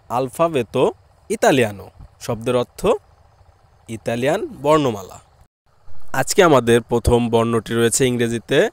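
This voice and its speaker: A man from Bangladesh with a Bangladeshi Bengali accent, teaching a language lesson and slowly repeating each word and its meaning. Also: medium pitch, dry recording.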